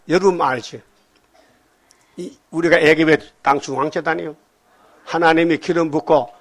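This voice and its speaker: Older guy preaching, rambly, keeps asking the crowd questions, kinda high voice. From Gyeongsang Province, Korea. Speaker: pastor. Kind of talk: sermon.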